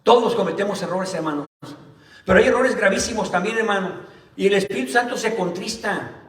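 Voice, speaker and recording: A male pastor preaching a Sunday sermon. He keeps calling the listeners "brother" and reads the scripture slowly and deliberately. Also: high-pitched, fairly bright tone. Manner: tells personal stories in a plain conversational way. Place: church hall. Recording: roomy church hall, mic at a distance.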